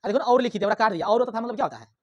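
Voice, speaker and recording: A male teacher, teaching a physics lesson in a classroom. He talks loudly and quizzes the class, then answers his own questions. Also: high voice, racing, lo-fi sound. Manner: loud, drilling, asks the class questions and answers himself. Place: classroom with students.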